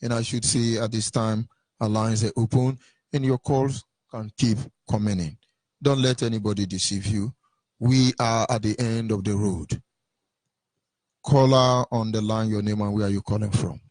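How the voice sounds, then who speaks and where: A man working as a smooth radio call-in host, reading out the station's phone lines in a measured announcer manner and taking callers. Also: lowish voice, steady tone, darkish tone, dry recording. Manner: smooth, measured announcer delivery, repeats numbers.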